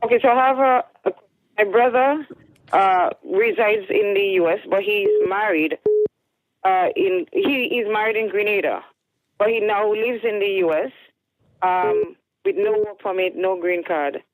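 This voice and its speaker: A woman's voice: mid-range voice, no echo. Hesitant woman caller on a distant line. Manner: hesitant, halting phrasing.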